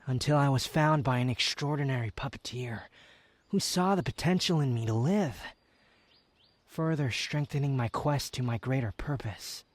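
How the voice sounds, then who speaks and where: Here the proud, sardonic young wanderer turns vulnerable and earnest as a man voices this guarded but tender lover in an intimate romantic ASMR roleplay, still teasing, haughty, and dramatic. His mid-range voice runs at normal speed and sounds close to everyday speech. The recording is dry.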